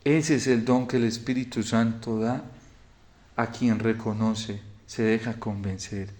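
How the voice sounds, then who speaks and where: A male priest preaching a homily in a storytelling manner, often falling to a quiet hush. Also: mid-range voice, fairly even intonation, a little slow. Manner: storytelling, drops to a soft hush in quoted lines.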